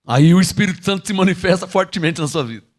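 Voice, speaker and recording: A man preaching a sermon, swinging from loud, drawn-out calls to hushed asides and checking in with his listeners. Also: high-pitched, expressive. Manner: checks in with the listeners, calling out "alô?" and "irmão". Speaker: pastor.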